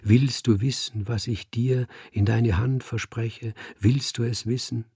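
A man's voice: medium pitch, fairly even intonation, measured pace, a little mellow, breathy edge, dry recording, clean studio sound. A man reading a story aloud, voicing a reckless, swooning young male student with an eager, gushing manner.

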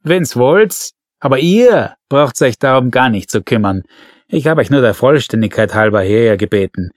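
A man's voice: mid-range voice, lively intonation, normal speed, no echo, clean studio sound, lightly acted. A man voicing a brash, boorish police colonel with an Austrian accent, mocking and barking his lines.

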